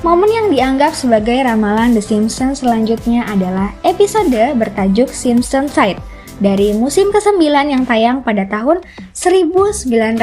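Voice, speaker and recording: Backed by a music bed, the narrator of a video channel, a woman with a slightly high, slightly mellow voice, reads through a scripted explainer.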